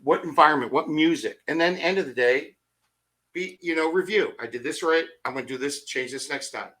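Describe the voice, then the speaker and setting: A middle-aged man on a motivational podcast, telling energetic stories full of rhetorical questions and acted-out asides. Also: fairly high pitch, fairly quick. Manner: acts out his own thoughts in quoted asides. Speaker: podcast guest.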